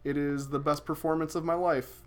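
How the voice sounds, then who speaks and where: A man's voice: on the high side, flat delivery, normal speed, soft background music. A young man casually chatting with viewers while streaming a video game, swearing and exclaiming as he plays.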